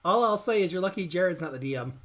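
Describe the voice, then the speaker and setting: A woman's voice: lowish voice, lively intonation, fast. A woman narrating as game master in a live tabletop game, chatty and giggly, rambling with restarts.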